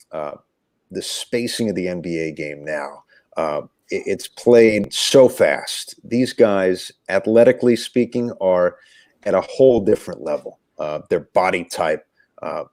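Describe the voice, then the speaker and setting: This male sports commentator, appearing as an interview guest, talks in a very low register at a measured pace. His darkish tone comes through on a dry recording with no room sound. The delivery is conversational and reflective, with emphatic phrasing.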